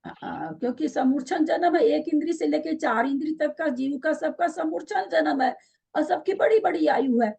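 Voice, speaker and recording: A woman's voice: high-pitched, expressive, moderate pace, vocal fry, a little mellow. A woman teaching a scripture class online, questioning her students and patiently explaining by repeating the key terms.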